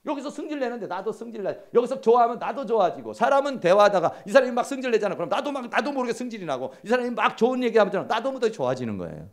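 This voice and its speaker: A middle-aged man giving a counseling lecture at a seminary, telling stories and acting out quoted lines in hushed voices. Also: high-pitched, big pitch swings, racing, hardly any pauses.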